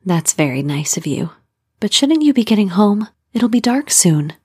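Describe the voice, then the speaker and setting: A woman voicing a weary mother who is secretly a patient child-eating witch, speaking softly and slowly with a sweetly menacing calm. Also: mid-range voice, slightly rough, no room sound, clean studio sound. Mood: gentle. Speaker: voice actor. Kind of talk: audio drama acting.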